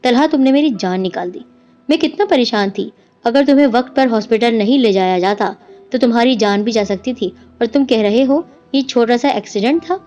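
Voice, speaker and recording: A woman voicing a frightened, tearful young wife who speaks softly and anxiously. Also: fairly high pitch, close to an everyday voice. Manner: soft, anxious. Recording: dull lo-fi with music behind.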